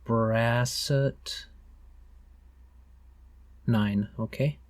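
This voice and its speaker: A man's voice: medium pitch, fairly even intonation, extremely slow, no echo. A man acting as game master, casually refereeing a tabletop game.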